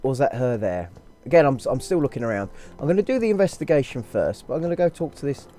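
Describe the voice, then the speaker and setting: A man's voice: mid-range voice, big pitch swings, fast talker, warm tone. A man giving casual gameplay commentary, thinking aloud and rambling with restarts. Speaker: let's play gamer. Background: game music.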